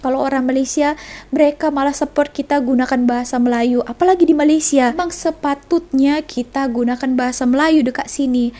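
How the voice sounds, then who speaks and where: A woman's voice: sits high, fairly even intonation, a little fast, warm tone. A young Indonesian woman chatting casually on a reaction vlog, mixing Indonesian and Malay. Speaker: vlogger. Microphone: phone camera.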